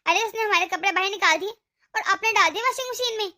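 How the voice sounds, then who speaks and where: A woman's voice: very high-pitched, fast talker, bright, forceful tone, heavily acted. A woman voicing a bossy, scheming older mother-in-law in a cartoon, with a nagging, scolding manner. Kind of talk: cartoon voice acting.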